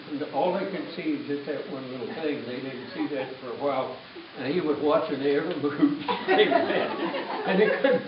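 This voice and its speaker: A man in his eighties with a slightly high voice tells family stories at a reunion, his speech informal, folksy, rambling and jokey. The sound is muffled and far away, echoing in a room full of crowd noise.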